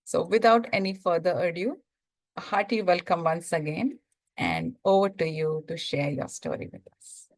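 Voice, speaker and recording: A woman's voice: fairly low pitch, normal speed, no echo, rough recording. A woman hosting a spiritual talk program, formally introducing her guest. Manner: formal and welcoming, reading an introduction. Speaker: program host.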